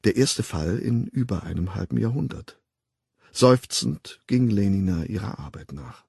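A man narrating an audiobook in an expressive, measured storytelling manner, close to the mic. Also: on the low side, vocal fry, husky, dry recording.

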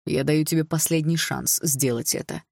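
A woman voicing a cold, controlling middle-aged stepfather who speaks slowly and in a measured way in an audiobook. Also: deep voice, fairly even intonation, gravelly, a little mellow, no room sound, studio quality.

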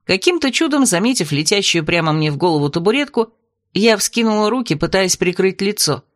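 A woman reads a fantasy novel aloud in the first person, lively and wry. Her voice sits at a medium pitch and sounds dry and close, with no room around it. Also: brisk, dry recording. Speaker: audiobook narrator. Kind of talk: first-person audiobook narration.

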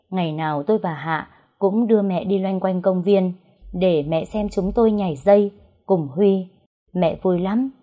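A woman narrating a first-person story in a slow, soft, even reading voice. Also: fairly low pitch.

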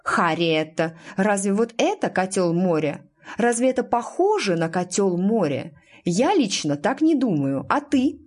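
A bossy young witch girl, as a woman reader puts her on, haughty and commanding, her pitch swooping up in scolding questions. She draws words out in a superior tone, in a storybook reading. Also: big pitch swings, darkish tone. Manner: commanding, correcting, drawn-out and haughty. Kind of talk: audiobook character voice.

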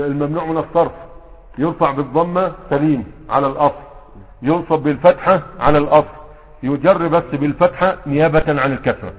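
Fast-talking Egyptian teacher in an echoing hall. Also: male voice, fairly high pitch. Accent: Egyptian Arabic. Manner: quizzes students with constant rhetorical questions. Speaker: teacher of Arabic grammar. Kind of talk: classroom lesson. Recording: tinny phone-like sound with long hall reverb.

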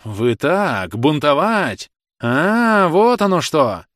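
A man voicing a brutal, shrill rural police officer who shrieks and turns hoarse. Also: sing-song, takes it slowly, no room sound, studio quality, full character voice. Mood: shrill panic.

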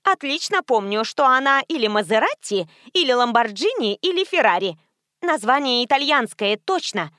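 A woman voicing a loud, brash young brunette who shouts in a shrill voice. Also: expressive, measured pace, no echo, studio quality. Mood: excited shouting.

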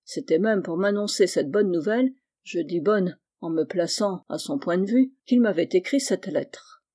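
A reader voicing a troubled young man who speaks earnestly and deliberately in an audiobook. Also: medium pitch, mellow, close to an everyday voice. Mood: measured. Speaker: character in a novel reading. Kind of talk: dramatic audiobook reading.

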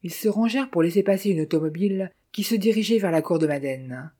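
Narrator with a dark, husky voice. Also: medium pitch, fast. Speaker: audiobook narrator. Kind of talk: scripted narration of a detective novel.

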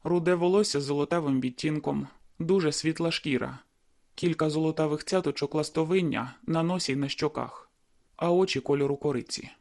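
A man's voice: on the high side, fairly quick, creaky, a little mellow. A man reading a first-person novel aloud in a brooding, inward manner. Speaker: audiobook narrator. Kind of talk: first-person audiobook narration.

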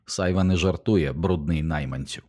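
A man's voice: sits low, normal speed, a little mellow. A man voicing a boy who plays a stern noble hero, commanding and scornful, in an audiobook. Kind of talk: audiobook character reading.

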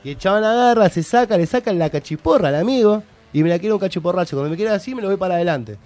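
A man's voice: high-pitched, lively intonation, quick pace, a little mellow. A young man with an Argentine Rioplatense accent, co-hosting a radio show and telling a story in casual slang, acting out both sides of a quarrel. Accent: Argentine Rioplatense Spanish. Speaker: radio co-host.

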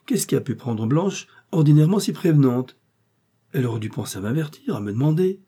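A man's voice: fairly high pitch, animated, brisk, mellow, breathy edge, voice pushed up. A man voicing a fussy, wealthy husband who grumbles in a sulky, put-out way. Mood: grumpy.

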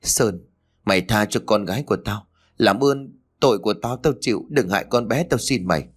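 A man voicing an anxious, guilt-ridden middle-aged father who pleads gruffly under strain. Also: lowish voice, animated, fairly quick. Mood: desperate.

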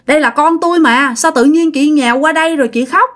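A woman's voice: high-pitched, fast talker, a bit bright, pitched above the performer's own voice. A woman voicing an angry village mother who shrilly scolds the couple who marked her baby. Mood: indignant.

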